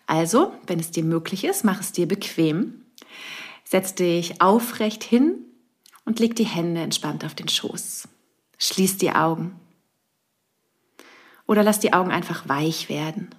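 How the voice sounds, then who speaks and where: A woman with a lowish voice narrates a guided meditation in the manner of a sleep story. She speaks slowly and soothingly, leaving pauses and letting breathy exhales through. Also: animated. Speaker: podcast host.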